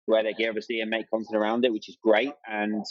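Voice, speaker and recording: On a podcast, a guest who runs as an amateur and makes content talks casually and eagerly, playing out past exchanges. His lowish voice moves little in pitch and comes quickly, in a dry recording with the highs cut off.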